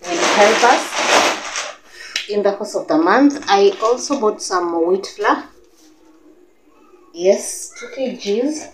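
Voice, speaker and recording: A woman's voice: medium pitch, expressive, slow pace, pauses often, reverberant, noisy background. A young Kenyan woman with a Kenyan English accent, chatting casually to camera about her grocery haul, full of fillers and restarts. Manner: chatty, gestures a lot, many fillers and restarts. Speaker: vlogger. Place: living room with a sofa, indoors.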